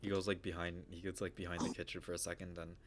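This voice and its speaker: A man with a very low voice runs a tabletop game as its game master. He narrates loosely, with fillers, and drags out the details as he describes each scene. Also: level tone, fast talker, noisy background.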